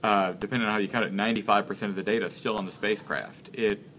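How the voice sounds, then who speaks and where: A man in his thirties, an interview guest speaking in a casual live-stream chat, earnest and halting as he searches for words. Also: lowish voice, fairly even intonation, a bit bright, slight background noise. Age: 30s.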